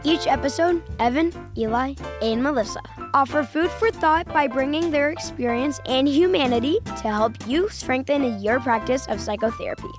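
A woman's voice: sits high, moderate pace, few pauses. A woman reading a scripted podcast introduction as announcer. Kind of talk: scripted narration. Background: music.

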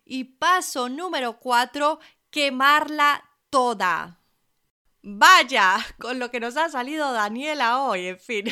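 A young woman hosting her own podcast, talking in a chatty, animated way and laughing between thoughts. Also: sits high. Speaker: podcast host. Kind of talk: casual solo podcast talk.

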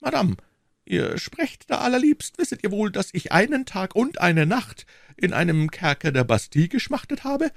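A self-important shopkeeper, as a male reader puts him on for an audiobook. He swings his pitch widely, lifted well above a man's usual range, and sounds indignant and pompous. The recording is dry and close. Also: very animated, normal speed, vocal fry, dry recording, exaggerated voice. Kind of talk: audiobook reading.

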